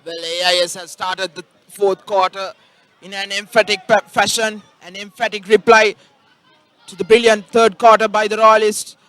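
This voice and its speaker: A man giving energetic live commentary and analysis at a school basketball final, calling out plays loudly. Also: high voice, normal speed, no echo. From Sri Lanka. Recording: crowd noise faint behind.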